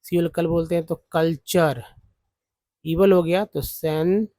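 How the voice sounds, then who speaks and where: Man, English phonics teacher, fairly high voice, dry close sound. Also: fairly even intonation, mellow, no echo. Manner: explains word parts slowly, often pausing with "है ना". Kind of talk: slide-based phonics lesson.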